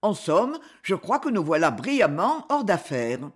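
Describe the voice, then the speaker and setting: Brief: a man voicing a cool, decisive adventurer-hunter in an audiobook, husky and lively. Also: high-pitched, unhurried, full character voice. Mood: calm, assured. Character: bold, coolheaded male English big-game hunter. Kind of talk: audiobook character reading.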